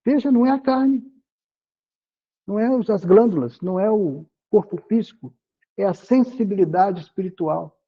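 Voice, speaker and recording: A man's voice: sits high, normal speed, narrow, tinny audio. A man with a Brazilian Portuguese accent giving a spiritist lecture, preaching conversationally and acting out everyday dialogues.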